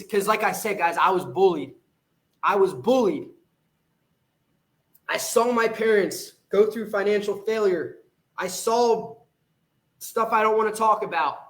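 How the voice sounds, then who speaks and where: A man's voice: high voice, a bit bright, reverberant. A man who coaches fitness and hosts a podcast, delivering an intense, profane, fired-up motivational monologue.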